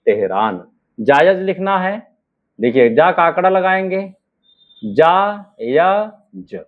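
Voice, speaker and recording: A man's voice: sits high, big pitch swings. A man teaching shorthand outlines word by word. He stretches out each word and keeps checking with "ठीक है" and "है ना". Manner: slow, drawn-out words, frequent "ठीक है" and "है ना" checks. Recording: narrow phone-like sound.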